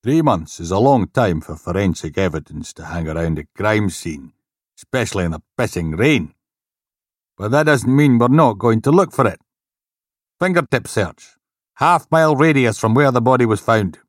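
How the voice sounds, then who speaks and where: A man voicing a large, bald police inspector who speaks gruffly and emphatically, full of threats. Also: on the low side, animated, normal speed, no room sound, studio quality, pitched above the performer's own voice. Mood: stern.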